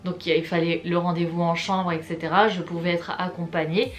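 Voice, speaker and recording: A woman's voice: on the low side, flat delivery, normal speed. A woman vlogger chatting casually and expressively to her viewers as she tells a personal story. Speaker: YouTube vlogger. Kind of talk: story time vlog, casual chat to viewers.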